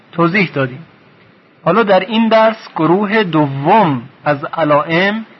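Male teacher, raised pitch, deliberate pacing, stretches sounds to demonstrate; lo-fi tape quality. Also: breathy edge. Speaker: Quran reading teacher. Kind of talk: recorded lesson. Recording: dull lo-fi recording.

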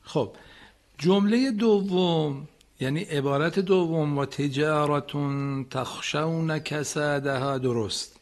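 A man teaching Quran recitation on a radio lesson. He corrects students patiently and models phrases slowly, sometimes chanting them. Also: on the high side.

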